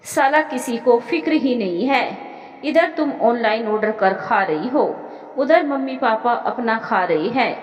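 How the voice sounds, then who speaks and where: A woman voicing an angry, hungry young husband who shouts and scolds his wife, in a long echoing reverb. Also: very high-pitched, animated, unhurried. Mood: shouting.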